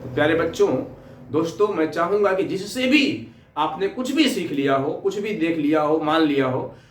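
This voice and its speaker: High-pitched man preaching in an echoey room. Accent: Indian. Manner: earnest, halting, repetitive filler phrases. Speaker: teacher giving a motivational talk. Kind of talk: moral storytelling and exhortation to students. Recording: echoey room, distant microphone.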